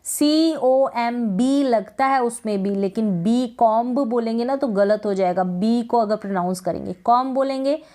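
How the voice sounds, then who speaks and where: Woman, English teacher, patient, repetitive, questions herself, slightly high voice. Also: a little slow, few pauses, dark tone. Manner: patient, repeats words and asks questions then answers them. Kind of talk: explaining lesson.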